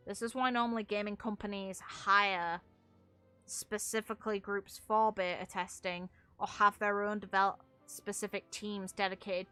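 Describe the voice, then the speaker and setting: With a clear, resonant tone that's pushed and bright at medium pitch, a woman who makes gaming videos and streams gives blunt, informal, opinionated game commentary. She keeps it casual and swears mildly.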